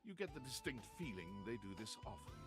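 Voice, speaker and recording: A man's voice: medium pitch, very animated, fast talker, loud music behind the voice, lightly acted. A man reading scripted narration as the narrator of a video game.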